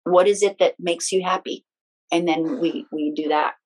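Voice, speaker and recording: A woman appears as an interview guest who works as a healing practitioner, explaining things conversationally in halting steps and restarting her phrases. Her voice is lowish with fairly even intonation, and the recording is rough.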